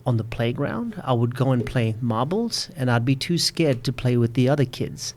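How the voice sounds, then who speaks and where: A man in his late thirties with a stutter, repeating word starts, speaking slowly and reflectively as a podcast guest. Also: mid-range voice, expressive, darkish tone, a little hiss or hum. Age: 30s. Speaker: public speaking coach. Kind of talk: podcast interview.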